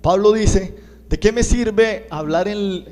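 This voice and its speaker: A man's voice: sits high, slow, darkish tone, big-room sound. A man preaching a sermon, telling a personal testimony and acting out the voices of the people in it. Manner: storytelling, acts out quoted voices.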